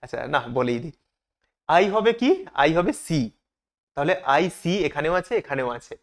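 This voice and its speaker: A man's voice: fairly high pitch, expressive, normal speed. A man teaching an exam-prep lesson. He asks questions and then answers them himself.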